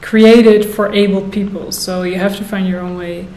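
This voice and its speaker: A woman in her thirties talking casually to the camera, thoughtful and unhurried, pausing with fillers. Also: medium pitch, fairly even intonation, a little mellow. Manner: slow, thoughtful, with pauses and fillers. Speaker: vlogger. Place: bright room indoors. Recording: echoey room, faint noise.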